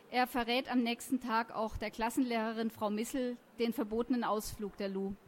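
A woman presenting a children's book, retelling the plot and reading excerpts aloud in a lively storytelling way. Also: fairly high pitch, a little hiss or hum.

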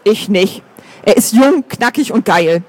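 A man's voice: sits high, expressive, a little slow. A man voicing a catty, crude woman who gossips in an audiobook. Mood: gossipy. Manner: crude, mocking.

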